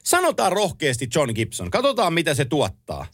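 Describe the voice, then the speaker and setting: A man co-hosting a casual hockey chat, leading the topics and listing teams briskly. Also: on the high side, huge pitch swings, a bit bright. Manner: runs the segments, lists teams briskly.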